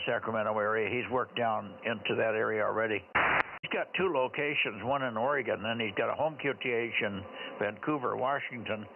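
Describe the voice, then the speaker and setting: Guy running a ham radio net, casual talk, phone-thin sound with heavy static. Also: mid-range voice. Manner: spells out call signs in phonetics. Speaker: amateur radio net controller. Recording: narrowband, very noisy two-way radio audio.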